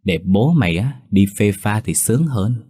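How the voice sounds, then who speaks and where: A man's voice: lowish voice, lively intonation, normal speed, mellow, husky. Man voicing a sneering, cruel husband. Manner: coarse, sneering. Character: cruel young husband, coarse and scheming.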